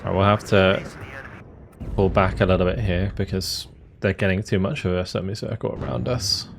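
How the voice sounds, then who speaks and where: A man's voice: low voice, fairly even intonation, moderate pace, creaky, background noise. A man giving casual commentary on a strategy war game, thinking aloud through his tactical decisions. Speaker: gaming video host.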